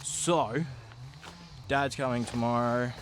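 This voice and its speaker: A man's voice: mid-range voice, steady tone, slow pace, faint music behind. A man chatting casually to camera in a laid-back, slangy, sweary way, vlogging about his day. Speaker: vlogger, amateur motocross racer. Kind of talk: casual vlog chat, talking to camera. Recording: noisy outdoor vlog, engine and vehicle sounds.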